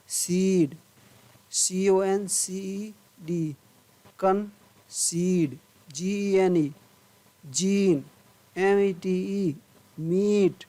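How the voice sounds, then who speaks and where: A man's voice: high-pitched, dark tone. A man teaching English pronunciation, spelling words letter by letter and drawing each sound out, then asking questions and answering them himself. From India.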